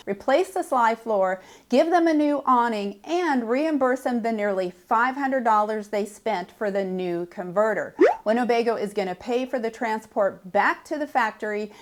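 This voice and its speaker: A woman hosting a vlog, reporting an update in an upbeat, matter-of-fact way. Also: fairly high pitch. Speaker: host. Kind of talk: vlog presenting.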